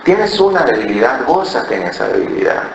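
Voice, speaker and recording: A gravelly mid-range voice with big pitch swings moves at a brisk clip as a pastor, Ecuadorian-born and raised in Colombia with a Cali accent, delivers a sermon in church. He shares a personal story, mimics voices, and often asks "¿verdad?". The sound is reverberant with the highs cut off and a slight background noise.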